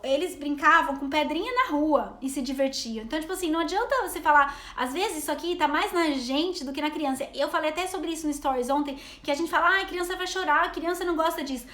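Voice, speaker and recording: A woman's voice: sits high, fast, hardly any pauses, a bit bright, echoey room. A Brazilian woman in her thirties chatting to viewers in a rambling live stream, a travel vlogger and mother. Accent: Brazilian Portuguese. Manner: chatty, rambling, reading out comments.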